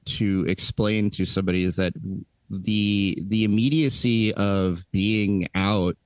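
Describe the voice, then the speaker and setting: A man's voice: on the low side, steady tone, slow, clean tone, dry recording. Rambling man, dry close sound. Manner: rambling, hesitant, restarts often. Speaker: podcast co-host. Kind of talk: casual chat.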